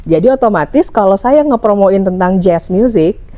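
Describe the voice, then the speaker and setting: A woman's voice: mid-range voice, lively intonation, normal speed, dark tone. A young woman from West Java with a Sundanese accent, a hotel publicist explaining her work in a casual podcast interview, with many fillers. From West Java, Indonesia. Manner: chatty, explanatory, frequent fillers. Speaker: hotel public relations officer.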